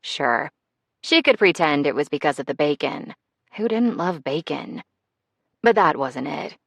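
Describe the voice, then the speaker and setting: A woman's voice: low voice, lively intonation, unhurried, creaky, dry recording, studio quality. A woman reading an audiobook in a wry, conversational scripted narration.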